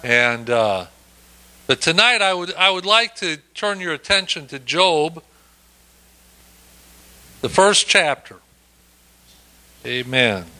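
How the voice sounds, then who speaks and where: A man leads a church Bible study at an unhurried pace, folksy and easygoing with frequent amens. His voice has a bright, forward edge. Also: a little high, animated. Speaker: lay preacher leading Bible study. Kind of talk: casual church teaching.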